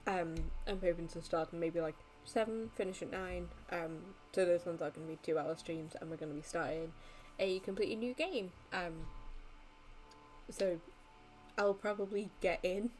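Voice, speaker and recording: A woman's voice: lowish voice, moderate pace, darkish tone, faint music behind, rough recording. Tired young woman streamer rambling. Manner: rambling, many ums and likes. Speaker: live streamer. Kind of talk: casual end-of-stream chat.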